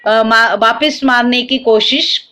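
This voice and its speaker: A young woman teacher tells a story to her class, slowing down on each phrase as she reads the English text. Her voice sits a little high and moves at an unhurried pace. When she explains in Hindi she breaks in with fillers and restarts. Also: sharp tone. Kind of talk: classroom lesson, reading a story aloud and explaining it.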